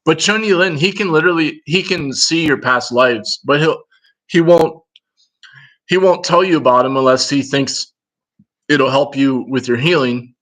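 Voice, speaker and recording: A man's voice: on the high side, normal speed, a bit bright, poor audio. Rambling Minnesotan man on a livestream. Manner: rambling and digressive, talking to viewers in chat. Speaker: livestream host. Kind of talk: casual livestream chat answering viewers.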